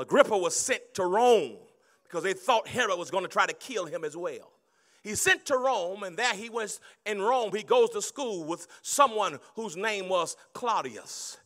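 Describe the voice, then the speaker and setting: A middle-aged man preaching a sermon on a handheld mic in a large banquet hall, moving between hushed storytelling and loud shouting. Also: high-pitched, lively intonation, normal speed. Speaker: pastor.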